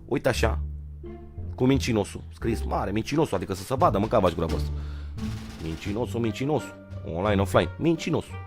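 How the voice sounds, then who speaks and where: A young man from Romania's Giurgiu area telling a comic storytime tale in slang, swinging from loud outbursts to low mutters. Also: animated, over music. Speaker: vlogger.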